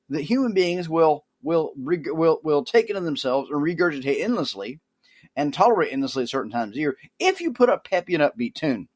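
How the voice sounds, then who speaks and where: A man hosting a podcast, giving a dry, sardonic, mock-serious comic monologue. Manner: lively, animated pitch. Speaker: podcast host.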